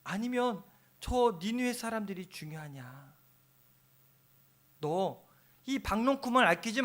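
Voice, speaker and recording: A male pastor voicing God as a pleading figure who questions a sulking prophet, his voice rising then sinking. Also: high-pitched.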